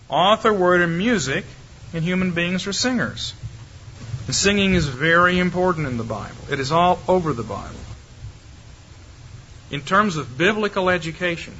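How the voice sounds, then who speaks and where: Bright-voiced man lecturing, lo-fi archive tape. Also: fairly high pitch. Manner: emphatic, demonstrative, varies loudness and pace to make points. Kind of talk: Bible lecture to a live audience. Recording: dull lo-fi archive recording with faint hiss.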